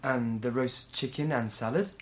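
A man putting on the voice of a polite restaurant waiter, higher than his own and measured. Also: close to an everyday voice.

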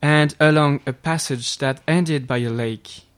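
A man voicing an earnest young boy in a slow, careful read storybook. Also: fairly high pitch, pitched above the performer's own voice, close to an everyday voice.

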